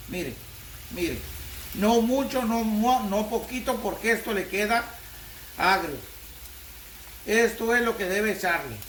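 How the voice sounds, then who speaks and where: A man's voice: high voice, a bit bright, a little hiss or hum. A man giving a folksy cooking demonstration at his stove, coaxing the viewer step by step. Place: home kitchen by the stove. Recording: echoey kitchen with frying sizzle.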